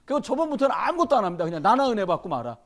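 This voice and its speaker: A middle-aged man preaching a sermon as pastor, telling stories with lively quoted dialogue. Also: high-pitched, rapid-fire. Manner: animated storytelling, shouting in quoted dialogue.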